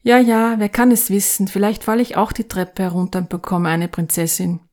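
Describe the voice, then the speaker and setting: A woman voicing a naive, wistful young fir tree in a storybook reading, with a soft, wondering inner voice. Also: medium pitch, brisk, close to an everyday voice.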